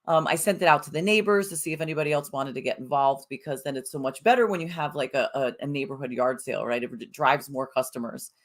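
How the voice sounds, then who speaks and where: A woman's voice: rumbling low, fast talker, hardly any pauses. A middle-aged woman hosting a live-streamed self-help show, talking casually and bubbly to viewers, greeting them by name and rambling with fillers.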